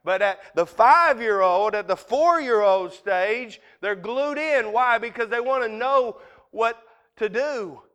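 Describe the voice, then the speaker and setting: A man's voice: very high-pitched, lively intonation, slow, fairly bright tone, clear, resonant tone. A man, preaching a folksy, conversational sermon and acting out Bible scenes in everyday dialogue.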